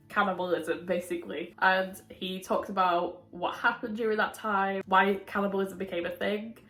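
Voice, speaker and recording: A woman's voice: medium pitch, a bit bright. Echoey, muffled woman reviewing a book. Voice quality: muffled, as if through a window. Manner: informal, laughs often as she talks. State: a little sick with a cold. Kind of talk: casual chatty book review to camera. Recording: roomy echo, muffled sound.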